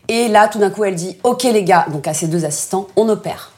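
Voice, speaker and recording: A woman recounts an intimate personal experience on a casual chat show. She speaks with emotion, in halting phrases that restart and circle back. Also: medium pitch, darkish tone. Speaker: co-host.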